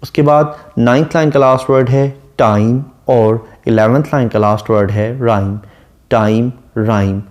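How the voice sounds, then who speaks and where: Man, literature lecturer, dark relaxed tone, slow verse readings. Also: mid-range voice. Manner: reads English verse slowly, then explains. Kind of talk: explaining a sonnet line by line.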